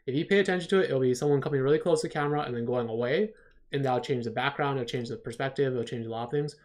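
A man's voice: medium pitch, rapid-fire, a little mellow. Male stream host reviewing storyboards: casual, upbeat, rambling, mid-range voice. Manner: enthusiastic, rambling, heavy on "like". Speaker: storyboard artist reviewing viewer work. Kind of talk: casual livestream critique.

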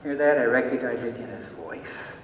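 A man preaching a sermon as pastor, posing many rhetorical questions and dropping to soft, quiet tones. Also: expressive, moderate pace. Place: church sanctuary. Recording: echoey church hall, mic from far off, faint rumble.

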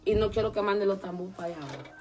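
A woman's voice: medium pitch, very fast, soft background music. A woman telling a long story in a casual interview, acting out the voices of the people in it. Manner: animated, acts out quoted voices.

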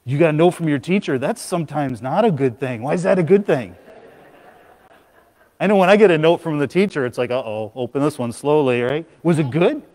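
A man in the pulpit talking to children with a high, lively voice that swoops up and down as he jokes with them. His words ring out through a church with a long hall reverb. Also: fairly quick. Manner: playful, animated talk to children. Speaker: pastor. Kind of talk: children's moment at a church service. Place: church sanctuary.

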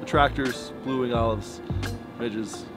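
A man in his thirties gives a loose, unscripted report to camera, filling gaps with ums and you-knows. His voice sits at a middling pitch for a man. Music plays clearly underneath him. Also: slow pace. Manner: relaxed, rambling, many fillers and restarts. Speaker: fly shop owner giving a fishing report. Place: outdoors by pickup trucks in snow. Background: music bed under the talk.

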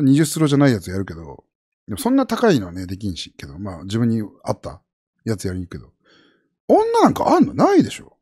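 This husky-voiced man from Japan talks at a racing pace while chatting casually with his stream viewers. He rambles, jumps between topics, and stays animated, bouncing from high to low pitch.

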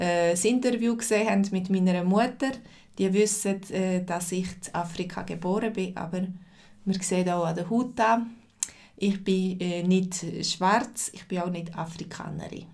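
A Swiss woman of about forty with a Swiss German accent, teaching a live-streamed language lesson and patiently answering viewers' comments by name. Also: mid-range voice. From Switzerland.

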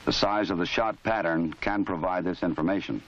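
An authoritative, matter-of-fact American narrator with a low voice reads an instructional film script in a formal, measured manner, his tone fairly bright. A little hiss or hum sits under the dull, lo-fi audio, which resembles a 1970s film soundtrack.

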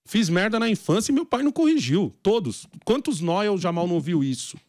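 Fast-talking brazilian guy, slangy storyteller on a podcast, a bit high, dry sound. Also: big pitch swings, a little mellow, no echo. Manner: slangy storyteller, acts out quoted voices. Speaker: podcast guest. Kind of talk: casual chat.

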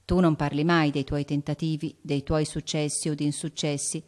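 A woman's voice: low-pitched, a little mellow. A woman voicing a loving mother's letter to her daughter in an audiobook, tender and earnest.

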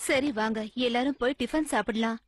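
A woman's voice: on the high side, brisk, a little hiss or hum, natural voice. A woman voicing a cheerful cartoon mom. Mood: motherly. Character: kind cheerful mother of a boy. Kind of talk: Tamil cartoon dub.

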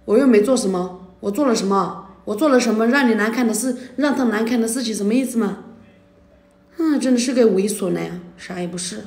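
A woman's voice: on the high side, fairly quick, darkish tone. Indignant scolding woman, echoey room. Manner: indignant, scolding, repeats herself. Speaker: livestreamer. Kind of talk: heated argument on a livestream. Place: indoor room at night.

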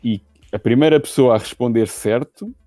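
A man's voice: mid-range voice, normal speed, mellow, no echo, soft background music. A man with a European Portuguese accent, co-hosting a podcast on a video call and explaining a quiz step by step. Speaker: podcast co-host. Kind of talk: casual chat.

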